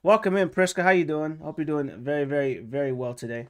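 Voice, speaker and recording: A man's voice: a little high, fairly even intonation, fast talker. A man streaming a video game, joking with chat and reading lines along, sick with a cold. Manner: jokey, chats with viewers, voices characters mockingly. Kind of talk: casual let's-play commentary.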